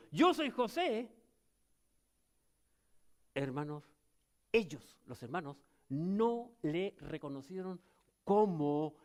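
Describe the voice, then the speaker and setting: An older man with a Chilean accent preaches as a pastor, his sermon rising to loud, emphatic lines and dropping to quiet, low ones.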